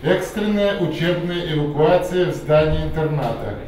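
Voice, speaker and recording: A man calls out clipped evacuation orders through a megaphone, slow and commanding. His voice sits a little high for a man and rings out from far off, with heavy echo around it. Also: a little mellow, slight background noise. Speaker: drill announcer. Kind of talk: emergency evacuation announcement. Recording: echoey, from far off.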